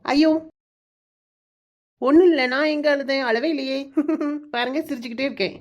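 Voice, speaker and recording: A woman's voice: sits high, normal speed, close to an everyday voice. A woman voicing a sulky, self-pitying young bride-to-be with a southern Tamil Nadu accent. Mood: whiny.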